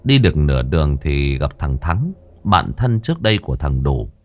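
A man narrating a village ghost story in a lively, dramatic way, acting out the characters as he goes. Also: extremely low pitch, normal speed.

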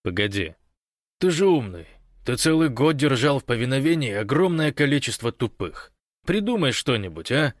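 A man voicing a sly, scheming man who feigns meekness, speaking soft and wheedling in an audiobook. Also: medium pitch, very animated, normal speed, no room sound, clean studio sound, voice pushed up, natural voice. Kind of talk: audiobook character voice.

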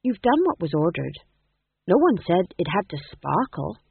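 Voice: mid-range voice, sing-song, normal speed, creaky, breathy edge, dry recording, heavily acted. A reader voicing an earnest young male actor who delivers his lines grandly and theatrically, on a tinny, phone-like recording. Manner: declamatory, grand speech delivery. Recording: tinny phone-like dry sound.

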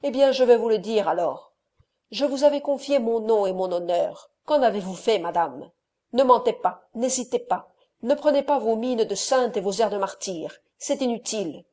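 A woman reading the part of a proud, sardonic nobleman in an audiobook, with clipped, forceful delivery. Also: on the high side, animated, moderate pace. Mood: angry. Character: stern proud male count, sardonic and cold.

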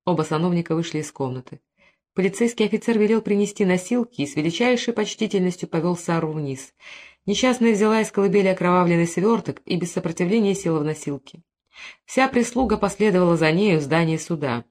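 A woman narrating an audiobook in an even, expressive reading style. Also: fairly low pitch, fast.

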